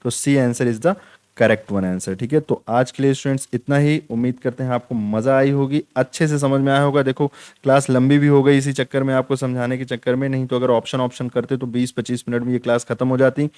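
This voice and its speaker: A man's voice: mid-range voice, fairly even intonation, a little fast, darkish tone, clean tone, dry recording. A young man teaching an online exam-prep lesson, repeating key points and checking in with his students again and again. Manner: repetitive, drills points with "theek hai".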